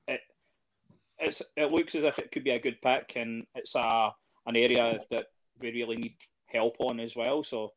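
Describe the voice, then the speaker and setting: A man talks in a relaxed, conversational way, mid-pitched. He hesitates a lot, filling gaps with ums and starting sentences over. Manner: hesitant, lots of fillers and restarts. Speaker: podcast guest, fan. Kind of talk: casual chat.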